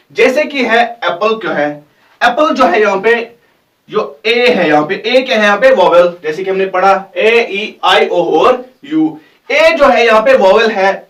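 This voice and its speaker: A male teacher explaining grammar to students slowly, repeating words and spelling letters out. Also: high voice, a bit bright, recorded from a distance. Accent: Hindustani. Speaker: English teacher. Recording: echoey room, off the mic.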